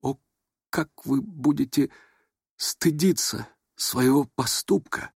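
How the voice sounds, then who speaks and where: A man voicing a meek young prince who speaks quietly and tremblingly. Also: high-pitched, big pitch swings, slow pace, slightly rough, dry recording, studio quality, voice pushed up, heavily acted. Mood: shaken, gentle. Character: gentle, shaken young prince.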